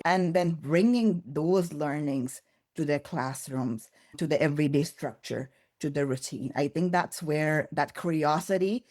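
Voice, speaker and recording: A woman's voice: sits low, a little mellow. A woman being interviewed on a podcast, speaking thoughtfully and earnestly, sometimes restarting words as she searches for them. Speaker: early childhood curriculum developer, guest.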